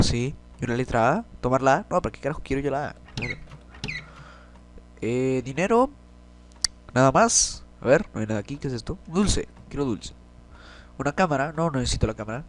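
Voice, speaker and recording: Un hombre resfriado y congestionado, con acento mexicano, comenta una partida de videojuego; maldice y grita cuando se asusta. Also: male voice, mid-range voice, animated, normal speed, long pauses, a little hiss or hum. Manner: jittery, swears, yelps when startled. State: has a cold, congested. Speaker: gameplay commentator. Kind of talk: let's play commentary. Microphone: desk microphone.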